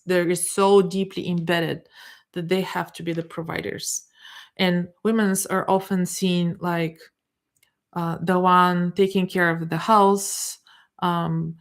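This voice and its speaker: During a live, unscripted coaching talk, a middle-aged woman with a Bulgarian accent keeps stopping, restarting and repeating words as she gropes for them. Her voice leans low.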